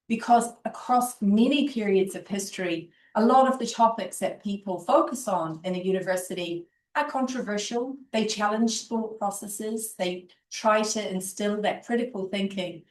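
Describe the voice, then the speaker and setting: A woman with a New Zealand accent gives a formal, earnest welcome speech in a measured way. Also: medium pitch, darkish tone. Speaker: university vice president giving a welcome address. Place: indoor university event room with online audience. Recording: echoey room, distant microphone.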